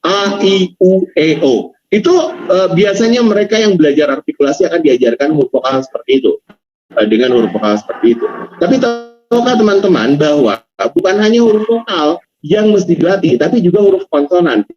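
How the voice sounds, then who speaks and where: A man's voice: fairly high pitch, very animated, fairly quick, a little mellow. A young man teaching public speaking in an online workshop, stressing words to demonstrate intonation and slipping into casual slangy asides. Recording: lo-fi video call audio.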